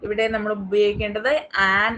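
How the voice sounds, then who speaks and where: A woman's voice: medium pitch, little pitch movement, moderate pace, bright, forceful tone, slight background noise, poor audio. A woman teaching an online English class with a Malayali accent, asking her students question after question to check they follow. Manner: asks the class many quiz questions, checking understanding.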